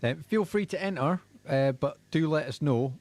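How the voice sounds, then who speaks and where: A man's voice: on the high side, expressive, moderate pace, a little mellow, dry recording. A man co-presenting live local radio, reading messages and sorting out the music in a practical, matter-of-fact way.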